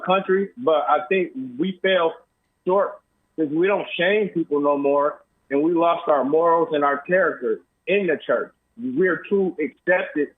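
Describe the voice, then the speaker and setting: Guy calling in, plain-spoken, big canyon echo off empty walls, phone-line sound. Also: on the high side. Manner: plain-spoken, casual slang. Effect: canyon-like echo of an empty room. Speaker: caller. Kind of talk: call-in talk. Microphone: phone on speakerphone. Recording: tinny speakerphone in an empty echoing room.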